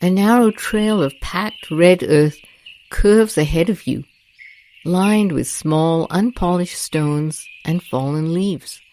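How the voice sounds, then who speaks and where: Birds and crickets chirp in a rainforest soundscape behind a woman with a fairly low voice as she leads a guided meditation. Her delivery is slow and deliberate, gentle and calming, with long pauses throughout.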